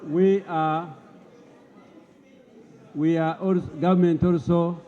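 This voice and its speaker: A man's voice: fairly high pitch, fairly even intonation, slow. A man speaking formally as a government minister in a parliamentary debate, often repeating words as he presses his point. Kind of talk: parliamentary address. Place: parliament chamber. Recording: lo-fi broadcast audio in a reverberant chamber.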